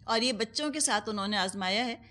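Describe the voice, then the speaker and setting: A woman's voice: fairly high pitch, pushed and bright. A woman with a Pakistani Urdu accent giving a Quran commentary lesson, explaining patiently with everyday examples and dropping English words into her talk. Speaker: Quran teacher.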